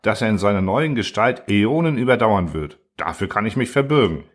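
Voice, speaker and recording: A man reading the part of a condescending machine that rules by order and lectures its makers in a calm, lecturing manner. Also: lowish voice, brisk. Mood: cold. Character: cold, lecturing order-obsessed machine ruler.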